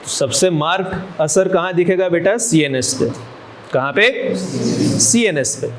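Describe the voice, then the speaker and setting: A man giving a medical college lecture, slowly repeating key terms and quizzing his students as he goes. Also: sits high, animated. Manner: slow, drawn-out emphasis, repeats key terms, quizzes students and calls them "beta". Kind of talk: classroom lecture mixing Hindi and English. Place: lecture room. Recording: noisy lecture recording.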